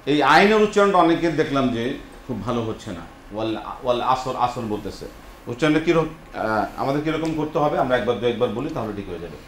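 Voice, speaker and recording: Brief: male TV Quran teacher, mid pitch, roomy studio sound, patient call-and-response delivery. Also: lively intonation, slight background noise. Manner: patient, repeats words slowly for a class to echo. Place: television studio with students.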